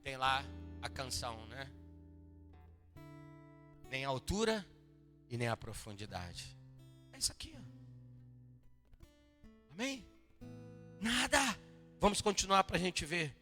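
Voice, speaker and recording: A male pastor from Rio de Janeiro preaching to his congregation, swinging between quiet asides and loud emphatic lines and joking with the people. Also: sits high, big pitch swings, slow pace, long pauses. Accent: Brazilian Portuguese, Rio de Janeiro. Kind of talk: sermon. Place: church hall. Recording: long hall reverb, faint guitar behind.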